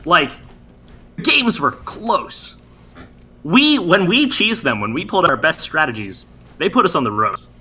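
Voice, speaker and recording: A man talking through his team's drafts with a very bright, tense, cutting tone. He rambles and jokes, his pitch jumping when he gets excited. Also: normal speed, breathy edge. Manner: rambling, animated, joking. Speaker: team captain and drafter. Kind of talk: casual post-match chat.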